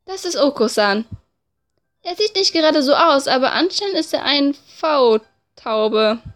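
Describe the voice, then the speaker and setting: A woman with a high voice narrates a visual novel game. She reads the text expressively and drops in informal, casual asides. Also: lively intonation, a little slow, a bit bright. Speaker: let's play narrator.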